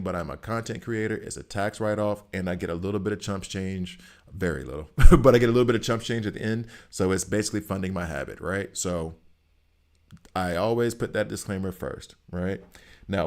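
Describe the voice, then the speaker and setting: Low-pitched Southern US man. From Alabama, US. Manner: repeats phrases for emphasis. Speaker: gaming content creator. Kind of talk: casual game walkthrough commentary to viewers.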